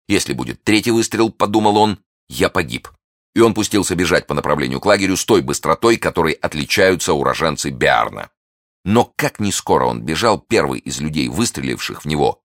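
A man reading a classic adventure novel aloud as an audiobook narrator, in a measured storytelling way. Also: very deep voice, fairly bright tone, no room sound, studio quality.

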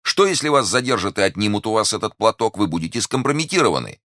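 A man's voice: fairly low pitch, sing-song, fast, fairly bright tone, no echo, studio quality, voice pushed up. A man voicing an ardent, impassioned young male musketeer in love, speaking with eager pleading.

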